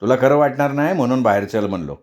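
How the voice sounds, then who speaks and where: A man's voice: medium pitch, fast talker, darkish tone, lightly acted. Man doing a taunting older brother. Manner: taunting, tattling. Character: elder brother, mocking teenage boy.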